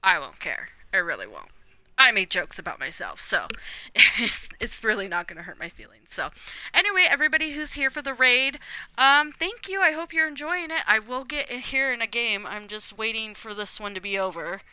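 A woman's voice: a little high, lively intonation, moderate pace, pushed and bright, a little hiss or hum, poor audio. A laid-back young woman streaming games live, chatting casually and rambling with lots of fillers. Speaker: gaming streamer.

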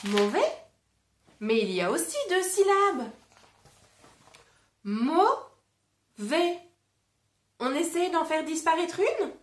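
A woman's voice: extremely high pitch, very animated, slow pace, pauses often, echoey room. A woman reading a picture book aloud to a child, patiently stopping to ask questions and play word games. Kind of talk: interactive read-aloud.

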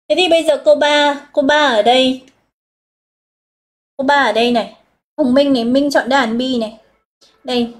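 A woman with a Northern Vietnamese accent teaching a live online English exam review, explaining step by step and reading out students' answers. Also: sits high. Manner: explains step by step, reads out students' answers, drawn-out key words.

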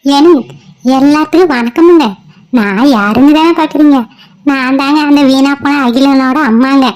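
A woman's voice: high-pitched, a little mellow, natural voice. A gossipy cartoon village mother, voiced by a woman, talking to the viewer. She draws out her complaints and addresses the audience directly. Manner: gossipy, talks to the viewer, slow and drawn out. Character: chatty village mother complaining about her wayward son.

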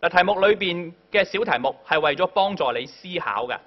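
A man's voice: a little high, expressive, brisk. Hong Kong Cantonese man lecturing a class. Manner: addresses the class directly with frequent "嗱" and "嚇" prompts. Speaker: workshop tutor. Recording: dull lo-fi recording.

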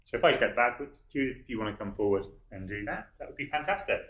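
Chef explaining a recipe in an echoey hall. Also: male voice, mid-range voice, quick pace. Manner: relaxed, explanatory, many ums. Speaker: head chef. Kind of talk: cooking demonstration. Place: large wood-panelled college hall, indoors.

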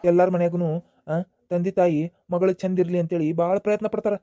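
Cartoon dad, voiced by a man: high, dark, North Karnataka accent, fussy and emotional. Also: fairly even intonation, a little fast, slight background noise, close to an everyday voice. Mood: scolding. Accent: North Karnataka Kannada. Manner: scolding, emotional, repeats himself. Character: aging father of a grown daughter, stern then remorseful. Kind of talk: cartoon voice acting.

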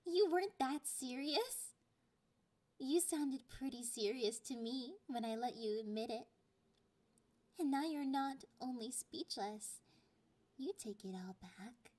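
An ASMR roleplay voice actress performs a high-pitched, teasing catgirl girlfriend who is clingy, possessive, young and slightly sadistic. The heavily acted voice is a little mellow, and she half-whispers intimately, drawing out her taunts in breathy whispers.

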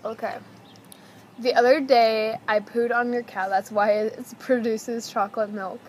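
A teenage girl hosts a casual challenge vlog in a fairly high voice. She talks at an unhurried pace, with stifled giggles slipping in. The camera recording is outdoors, with some noise behind her. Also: steady tone. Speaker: video host. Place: outdoors on a house patio. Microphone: camera mic at table distance.

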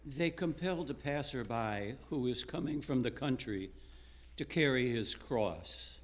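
A man reading scripture aloud during a church worship service, slow and measured, pausing between phrases. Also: medium pitch, lively intonation. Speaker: scripture reader. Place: church sanctuary.

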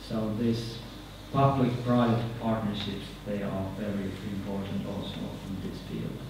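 A man in his thirties with a Finnish accent gives a halting conference presentation, often repeating words and letting his phrases trail off. His voice sits a little low. It rings through a large, echoey hall, picked up from some distance over steady background noise. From Finland. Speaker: conference speaker. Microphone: podium microphone.

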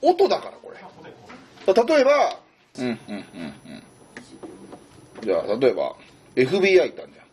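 A man's voice: medium pitch, huge pitch swings, moderate pace, long pauses, a little mellow. A man tutoring in a casual, chatty way, thinking aloud as he explains. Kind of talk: casual whiteboard lesson.

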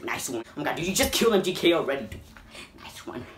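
A man hosting a reaction video, excitable and swearing constantly, breaking into loud yelps of disbelief. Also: on the high side, fast talker, a little hiss or hum. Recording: echoey room.

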